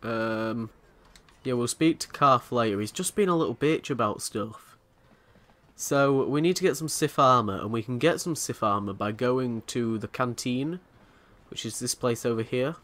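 A man narrating his own game playthrough in a relaxed, offhand voice. He cracks crude jokes and bickers with the characters as he goes. His pitch sits in an ordinary middle range. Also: normal speed. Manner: joking and crude, talking back to the game characters. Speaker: let's play host. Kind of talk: casual gameplay commentary.

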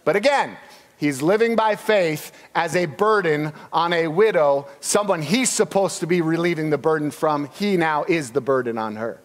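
A man preaching a sermon as a pastor, telling the story in an animated way and acting out the people in it. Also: on the high side, normal speed. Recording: long hall reverb.

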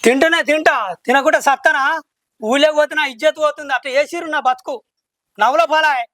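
Man playing village father, quick speech, proud and worried. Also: very high voice, bright, forceful tone, no room sound. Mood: upset. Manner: pleading, then stubborn. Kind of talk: village drama acting.

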